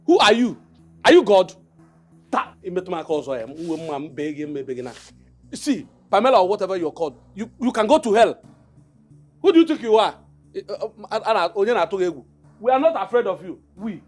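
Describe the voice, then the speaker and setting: A man's voice: high-pitched, lively intonation, fast, a little mellow, soft background music. An actor with a Nigerian accent playing a defiant, hot-headed young man in a film drama, brash and confrontational. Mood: angry, defiant.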